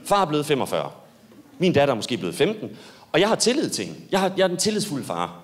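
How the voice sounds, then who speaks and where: A young man doing a stand-up comedy set on stage, telling a story with animated delivery and sudden high yelps.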